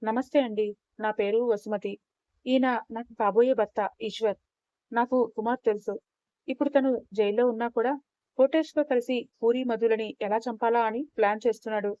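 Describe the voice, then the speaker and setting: A woman's voice: fairly high pitch, fairly even intonation, moderate pace, dark tone, no room sound, close to an everyday voice. A woman voicing a remorseful young woman who speaks earnestly and apologetically in a story reading. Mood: composed. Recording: dull, dry lo-fi recording.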